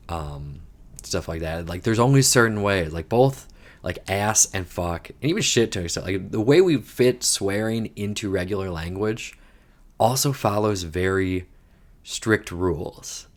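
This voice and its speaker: A man casually thinking aloud while solving a crossword, wandering into rambling asides with some mild swearing. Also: low-pitched. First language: English. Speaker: podcast host solving a crossword. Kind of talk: casual solo puzzle-solving chat.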